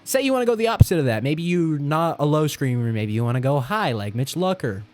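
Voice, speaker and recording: A man's voice: a little high, very animated, quick pace, a little mellow, soft background music. A man giving a casual, informal, encouraging lesson to viewers as a vocal coach. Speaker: vocal coach in metal screaming. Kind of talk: casual instructional talk to viewers.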